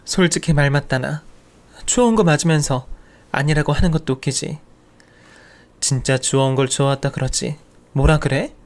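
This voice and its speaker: A scornful, sharp-tongued old woman, as a male narrator puts her on in a spoken story. She scolds and sneers with a raised, slightly distant-sounding voice. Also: on the high side, normal speed, lightly acted. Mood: sneering.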